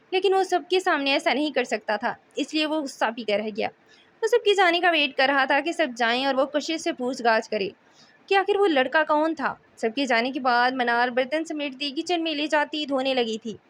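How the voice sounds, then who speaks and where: A woman narrating a romance novel in a steady storytelling manner. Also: sits high. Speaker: audiobook narrator.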